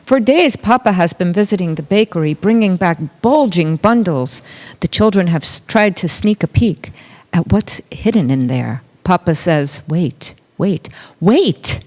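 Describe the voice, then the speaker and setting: A woman reading a picture book aloud in a deliberate, pausing way, acting out short bits of dialogue and saying Spanish words a little haltingly. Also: fairly low pitch, expressive, darkish tone. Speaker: reader of a children's story at a church service. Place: church service, reading aloud to a gathering.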